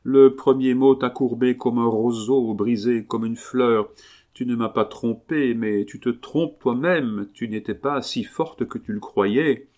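A man reading aloud voices a gentle young woman who soothes and coaxes her sick friend. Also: medium pitch, fairly even intonation, a little slow, voice pushed up, close to an everyday voice. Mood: soothing. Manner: soothing, coaxing.

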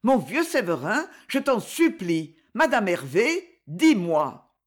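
A woman reading aloud as an eager, affectionate boy who is quick to get excited. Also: medium pitch. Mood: pleading.

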